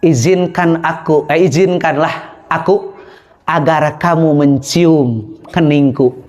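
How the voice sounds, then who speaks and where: A proud older king, brought low and pleading in a slow, hushed voice, as a preacher acts him out. The voice still sits fairly high, part of a story told in a sermon. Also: steady tone.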